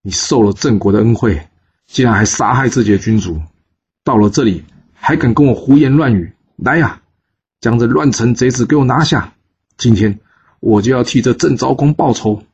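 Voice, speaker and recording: A man's voice: medium pitch, lively intonation, moderate pace, mellow, slightly rough, dull audio, voice pushed up. A man voicing a domineering, sly ancient duke who mocks and accuses, in a storytelling recording. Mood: furious. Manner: mocking, accusing.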